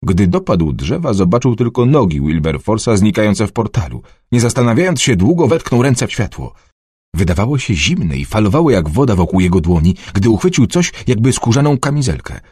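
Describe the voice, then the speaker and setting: Husky, expressive male audiobook narrator. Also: a little fast, dry recording, clean studio sound. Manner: expressive, dramatic storytelling with varied pitch. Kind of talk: scripted narration of a children's adventure novel.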